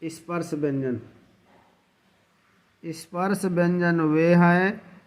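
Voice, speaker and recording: Slow, deliberate male grammar teacher. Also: high voice. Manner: deliberate, repeats definitions and drawn-out example sounds. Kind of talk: slow explanatory lesson.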